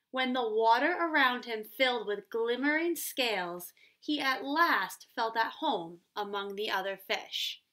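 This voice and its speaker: A young woman teacher leads a read-aloud lesson for children. Her voice is fairly high and bright, and she explains things slowly and deliberately. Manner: deliberate, explanatory, checks in with "right?". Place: small room at home, indoors.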